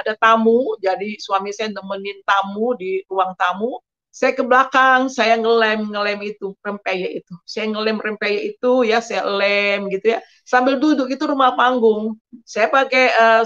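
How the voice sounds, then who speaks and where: A middle-aged woman telling her personal testimony, often addressing listeners directly and pausing with fillers. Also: a little high, fairly bright tone. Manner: addresses listeners as "saudara", storytelling with pauses and fillers. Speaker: testimony speaker. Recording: dull lo-fi recording.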